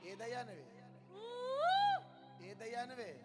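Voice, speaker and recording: A man leads a charismatic deliverance service, his voice pitched high. He hammers the same short questions and orders again and again, often breaking into shouts. Loud music plays behind him the whole time. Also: unhurried. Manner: repeats sharp commands and questions, bursts into shouts. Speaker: preacher leading a deliverance prayer.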